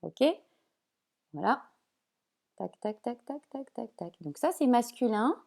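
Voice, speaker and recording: A woman teacher explaining spelling sounds at a whiteboard, slow and patient, checking often that her pupils follow. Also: a little high, expressive, vocal fry, a little mellow. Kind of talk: remote classroom lesson at a whiteboard.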